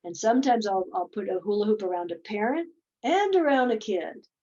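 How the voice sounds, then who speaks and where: A woman therapist hosting a webinar, explaining her methods slowly and casually. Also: medium pitch, animated, mellow, lo-fi sound.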